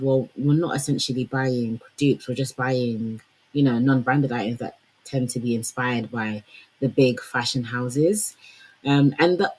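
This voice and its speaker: Woman with a husky, conversational voice. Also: very deep voice, a little mellow, poor audio. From Congolese heritage. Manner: conversational, lots of fillers like "like" and "you know". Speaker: fashion commentator. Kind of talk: casual commentary to camera.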